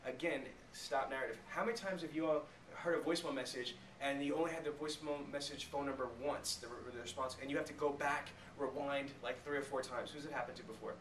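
Here the man talks fast at medium pitch, his intonation fairly even, barely pausing, his tone a bit bright. He's in his thirties, leading an emphatic sales training talk for a small group and stopping often to ask rhetorical check questions. A camera mic a few metres away in a small flip-chart meeting room picks up echo and faint noise.

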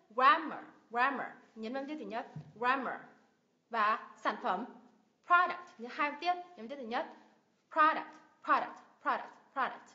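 A Vietnamese woman with a high, bright voice runs a livestream lesson on English word stress. She repeats each word several times with strong emphasis and keeps asking viewers questions. The audio is dull and lo-fi. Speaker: English pronunciation teacher. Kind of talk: livestream lesson, drilling words. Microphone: livestream mic.

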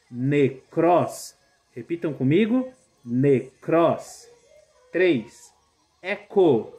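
A man with a Brazilian Portuguese accent teaching Greek and Hebrew, slow and deliberate, having listeners repeat words after him. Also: medium pitch, darkish tone. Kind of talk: promotional mini-lesson.

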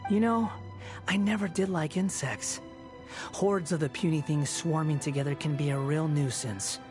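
A man playing an aloof, cynical young former villain in a video game, speaking in a cool, sardonic, deliberate way. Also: on the high side, music in the background, close to an everyday voice. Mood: menacing, resolute. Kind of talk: video game dialogue acting.

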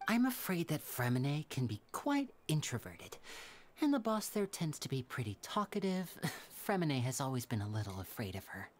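A man voicing a smooth, teasing young male stage magician in a game, gentle and polished. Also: a little high, sing-song, moderate pace, background noise. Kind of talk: game voice acting.

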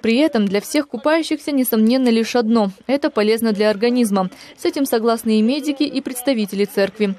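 A woman's voice: on the high side, fast talker, hardly any pauses, darkish tone. A woman reporter delivering scripted narration for a television news report.

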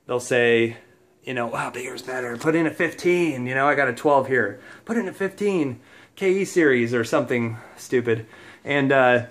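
A man who installs heating and cooling, giving a casual hands-on walkthrough indoors in a home, explaining as he goes with plenty of fillers. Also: medium pitch.

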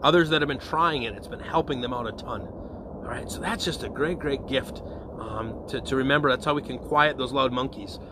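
With background noise audible, the parish priest speaks in a mid-range voice at a moderate pace. His evening prayer reflection feels like a conversation, and he keeps asking "okay?" and "all right?" to stay connected with listeners.

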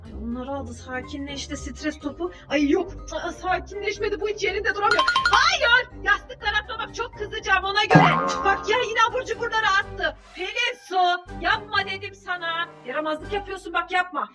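A mother with a very high, bright-sounding voice. She exclaims and scolds in a staged family skit filmed at home. Soft music plays faintly underneath. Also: normal speed, few pauses. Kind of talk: staged family skit, talking to her child.

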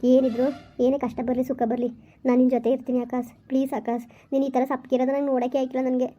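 A woman's voice: sits high, level tone, very fast, mellow, highs cut off. A woman playing a young woman who is eager to marry a grieving man, coaxing and impatient. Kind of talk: village skit acting.

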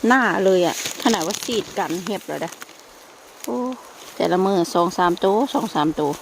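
A woman's voice: mid-range voice, lively intonation, moderate pace. Woman vlogger with a Sakon Nakhon Isan accent, chatty and explanatory, recorded outdoors in a forest with faint background noise. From Sakon Nakhon, northeastern Thailand. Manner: chatty, explaining as she goes, addressing viewers. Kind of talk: casual vlog commentary to viewers.

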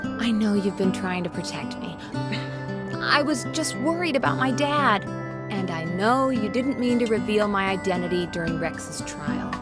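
Brief: woman as young cartoon woman, earnest and wry, over loud music. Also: mid-range voice, lively intonation, moderate pace, lightly acted. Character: guarded young woman worried about her dad.

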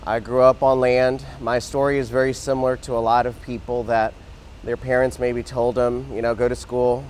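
Born in Mexico and raised in Texas, a man in his thirties earnestly shares his story as a guest in a casual interview, talking with his hands and often restarting sentences. His mid-range, slightly mellow voice moves at a normal speed with little pitch variation. Recorded on a lapel mic in an outdoor garden plaza, the audio is poor, with slight background noise.

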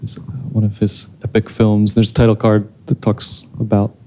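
With a low, warm, completely flat voice at normal speed, a man in his thirties answers questions after a screening, using a handheld mic on a theater stage. He's thoughtful, hesitant, and restarts a lot. Slight background noise is audible.

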